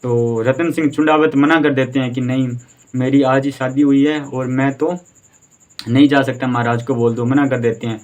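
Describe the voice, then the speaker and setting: A man recounts a historical tale in the manner of a casual lesson, posing rhetorical questions and stumbling through restarts. His delivery stays flat and even, with little rise and fall. The recording sounds slightly dull and lo-fi. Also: mid-range voice, moderate pace. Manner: conversational retelling with rhetorical questions; fillers and restarts. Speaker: history teacher.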